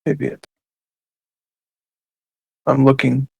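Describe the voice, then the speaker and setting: A man at an online book club, softly mumbling to himself while searching his pages. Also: mid-range voice, level tone, drawn-out words, gravelly, husky. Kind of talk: casual book club chat.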